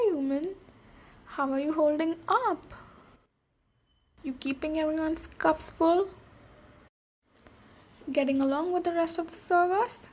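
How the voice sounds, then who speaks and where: An actress voices a boisterous female ogre warrior who protects her human servant, in an ASMR roleplay mixing storytelling and direct address. The voice is high and a little mellow, friendly in mood, and unhurried and deliberate, with pauses between phrases.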